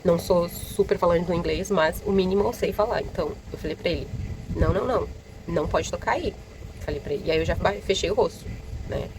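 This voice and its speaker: A woman's voice: lowish voice, quick pace. A young Brazilian woman vlogger telling a story in a casual, indignant way, acting out what people said. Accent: Brazilian Portuguese. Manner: indignant, animated retelling with quoted dialogue. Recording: loud vehicle noise behind.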